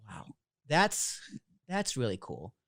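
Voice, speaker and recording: A man's voice: mid-range voice, huge pitch swings, slow, fairly bright tone. A young man from Massachusetts hosting a podcast interview, asking eager, enthusiastic questions. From Massachusetts, USA. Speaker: podcast host. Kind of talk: casual interview.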